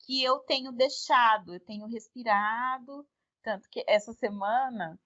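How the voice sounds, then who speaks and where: A Brazilian woman with a fairly high voice recounts an everyday anecdote in a relaxed podcast chat. Her phrases often trail off into a soft tag question. The audio is somewhat dull and lo-fi. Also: unhurried. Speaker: podcast co-host. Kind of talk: casual storytelling chat.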